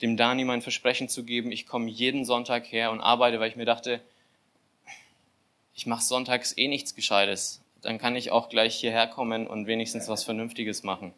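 Young man, casual sermon, animated storytelling, relaxed fillers, mid pitch. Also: normal speed. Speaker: church volunteer giving a sermon.

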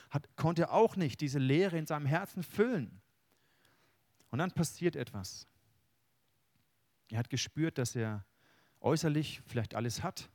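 A man preaching a sermon, earnest and personal, swinging between loud emphasis and hushed words. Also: mid-range voice, no echo. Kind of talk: sermon with Bible reading.

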